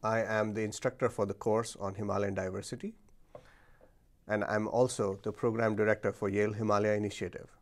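A middle-aged man hosting a formal interview in a studio, introducing his guest and asking questions in a measured way. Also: lowish voice, level tone. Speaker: interviewer, program director. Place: dark studio set, seated. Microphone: lapel mic.

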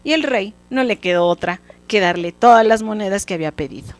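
A woman, hosting a show and telling a folk tale in a lively, expressive, casual way. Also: mid-range voice, fairly quick, no echo. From Mexico. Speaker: storyteller host. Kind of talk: folk tale storytelling for children.

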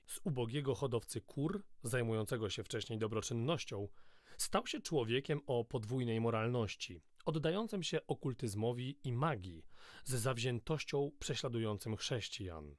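A man reading a novel aloud in the first person, in a steady, measured storytelling voice, close to the mic. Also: medium pitch, no echo. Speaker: audiobook narrator.

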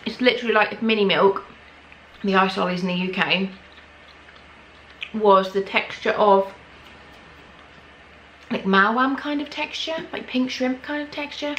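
English woman vlogger, bright and lively, excitable snack-tasting chat, faint hiss behind. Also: mid-range voice, a little slow, long pauses, highs cut off. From England. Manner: chatty and excitable, gasping at the treats. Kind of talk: casual snack-tasting vlog. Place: home.

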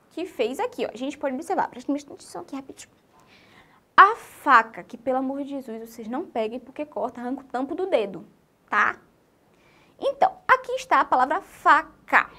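Brazilian woman, children's teacher; high-pitched, very animated, sing-song delivery aimed at young kids. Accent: Brazilian Portuguese. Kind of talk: children's literacy lesson.

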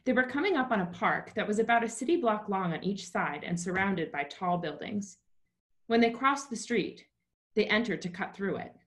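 A woman's voice: medium pitch, lively intonation, moderate pace. A woman novelist reading from her book, then talking casually about writing with many fillers, over a video call. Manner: plain, with many fillers in talk.

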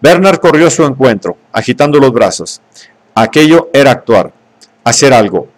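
A man narrating an audiobook in a steady, measured reading voice. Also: medium pitch. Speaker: audiobook reader.

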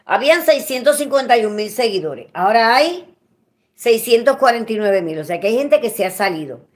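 A Puerto Rican woman chatting casually with her followers at home, expressive and quick to swear. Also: on the high side. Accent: Puerto Rican Spanish. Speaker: vlogger. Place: at home, indoors.

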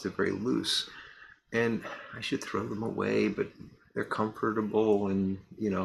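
A man's voice: low voice, creaky, a bit bright. A man in his fifties chatting casually to camera from his home workshop, rambling and candid, with many restarts and fillers. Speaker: pipe tobacco reviewer. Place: home workshop room, indoors.

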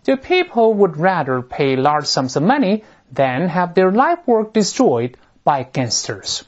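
A man's voice: high-pitched, a little slow. A man teaching English through a textbook text, explaining in a chatty, colloquial way. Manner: lively, colloquial, northern-style chatty explanations. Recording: dull lo-fi recording.

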